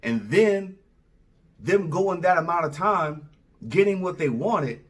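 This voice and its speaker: A man with a fairly high, lively voice delivers a rambling opinion monologue straight to camera. His talk is casual and animated, with big swings up and down in pitch. He sits a bit away from the microphone. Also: takes it slowly, recorded from a distance. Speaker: vlogger.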